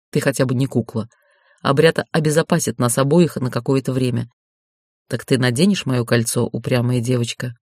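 A man's voice: medium pitch, darkish tone, dry recording, pitched below the performer's own voice, natural voice. A woman voicing a wry mocking necromancer groom. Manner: dry mocking teasing. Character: wry scheming necromancer groom, young man. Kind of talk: audiobook reading.

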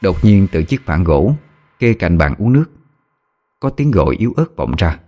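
Deep, expressive male story narrator. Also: moderate pace. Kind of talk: scripted horror story narration. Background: faint music.

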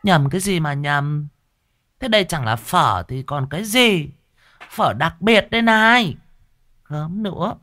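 A man's voice: expressive, unhurried, bright, forceful tone. A man doing a simpering, pushy young woman. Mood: coaxing. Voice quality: simpering falsetto.

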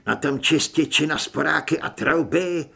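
A man's voice: a little high, vocal fry, bright, forceful tone, slightly rough, full character voice. A man voicing a cold, reproachful criminal who talks in a clipped way in an audiobook.

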